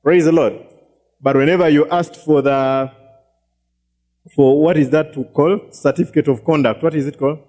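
A man's voice: a little high, fairly even intonation, normal speed, pauses often, dark tone. A man preaching a sermon as pastor, repeating words, often checking "you get it?" and acting out quoted voices.

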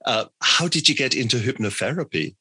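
A man's voice: medium pitch, lively intonation, normal speed, pushed and bright, slightly rough, dry recording. A man hosting a casual interview podcast, talking in loose sentences with frequent restarts. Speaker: podcast host.

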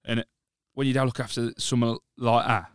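A band's lead singer, appearing as a podcast guest, chats candidly and rambles about his singing, often restarting his sentences. His mid-range voice is smooth and fairly quick with little pitch movement. The recording is dry, with clean studio sound.

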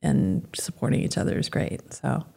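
A woman's voice: moderate pace, mellow. A middle-aged woman in a casual conversation, chatting in a rambling way and laughing often. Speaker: guest.

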